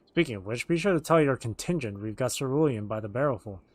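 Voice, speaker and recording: A man's voice: medium pitch, animated, fast, dry recording. Man reading game dialogue aloud over music. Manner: acts out the written dialogue as they read. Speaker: game streamer.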